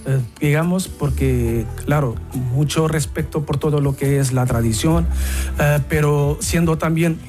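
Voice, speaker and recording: A Portuguese man with a Portuguese accent, a musician guest speaking in a radio interview, often pausing to search for words. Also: a little high, darkish tone, soft background music.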